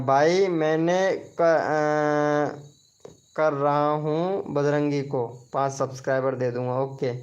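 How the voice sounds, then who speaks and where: A man hosting a casual live stream, chatting and joking with viewers, often laughing and swearing by oath. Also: fairly high pitch. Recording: dull lo-fi stream audio.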